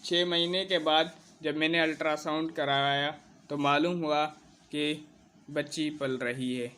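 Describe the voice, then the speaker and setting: A man narrating a personal account in the first person, in a steady, earnest storytelling manner. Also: a little high, a little hiss or hum.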